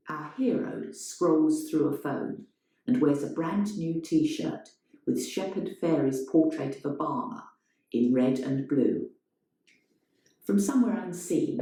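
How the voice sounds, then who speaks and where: A woman with a low-pitched, creaky, mellow voice reads a scripted, play-like story as dramatic narration. The recording is very echoey, as if in a reverberant room.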